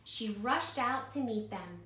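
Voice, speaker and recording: A woman school principal reading a picture book aloud to children in a warm, expressive way. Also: on the high side, takes it slowly, echoey room, slight background noise.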